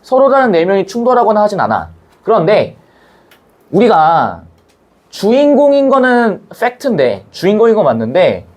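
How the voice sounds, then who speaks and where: Animated high-voiced male teacher. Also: noisy background. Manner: animated, chatty, acts out scenes, blunt slang. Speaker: Korean language teacher. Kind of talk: casual classroom lecture.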